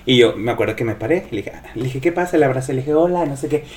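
A man's voice: medium pitch, rapid-fire. A man telling gossip in a casual chat, acting out the quoted voices. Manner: animated storyteller, acts out quoted voices. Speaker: podcast co-host telling gossip.

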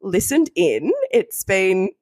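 A woman's voice: mid-range voice, big pitch swings, takes it slowly, a little mellow, no room sound, studio quality. A woman with an Australian accent co-hosting a podcast in casual, slangy, self-mocking and sweary chat. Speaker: podcast co-host.

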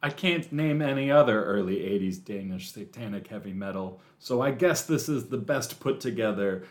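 A man co-hosting a podcast with a fairly low voice. He answers dryly and in a deadpan way, mostly in short replies. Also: moderate pace. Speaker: podcast co-host. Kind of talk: casual podcast chat.

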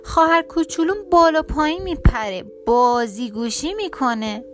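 A woman doing a quick, sly little mouse. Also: sits high, animated, soft background music. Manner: quick, shouting, playful tricks. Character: clever cheeky male mouse. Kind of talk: children's storybook reading.

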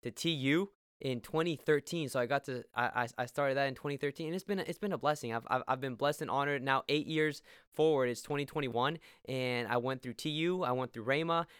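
A young man from Peru talks quickly and earnestly as a podcast guest, telling his faith story with a smooth, clear voice. He stumbles into repeated words when searching for the next thought. The sound is close and dry, with no room around it. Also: medium pitch, a bit bright, dry recording. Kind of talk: faith testimony in conversation.

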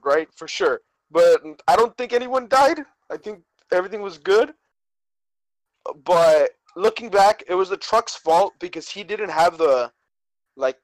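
A man's voice: sits high, no echo, poor audio. A young man chatting casually on a podcast as co-host, telling stories in slangy frat-bro talk full of bro and dude. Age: young adult. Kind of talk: casual chat, telling a personal story.

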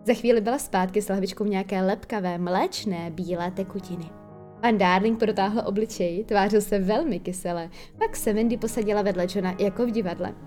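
A woman narrating a children's story in an expressive, lively storytelling manner. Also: mid-range voice, soft background music. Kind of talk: audiobook reading of a children's story.

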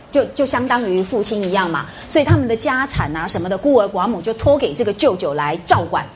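A woman's voice: a little high, slight background noise. A middle-aged woman giving a classroom lecture, quizzing her students with rhetorical questions and tag particles. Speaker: university lecturer.

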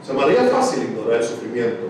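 A man preaching a sermon, swinging from shouts to hushed words. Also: mid-range voice, very animated, fast talker, a little hiss or hum. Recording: echoey, distant room mic.

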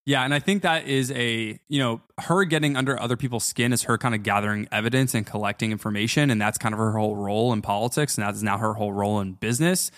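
A man co-hosting a TV recap podcast, with a voice of medium pitch for a man. He speaks thoughtfully and analytically and often hedges his points. He is recorded close and dry. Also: fast talker, few pauses, a bit bright, no room sound. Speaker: podcast co-host. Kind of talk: casual TV recap chat.

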